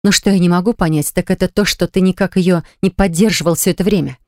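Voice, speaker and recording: A woman narrator voicing a stern, sharp-tongued young woman who scolds and mocks in an audiobook. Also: fairly low pitch, steady tone, quick pace, dry recording, clean studio sound, close to an everyday voice. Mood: mocking. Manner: mocking, scolding.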